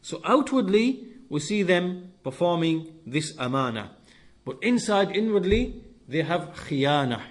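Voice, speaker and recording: Very animated, a man whose voice sits somewhat high walks listeners through scripture in a lesson-like sermon. He uses brief, measured phrases and, much as a teacher would, circles back to key words to emphasize them.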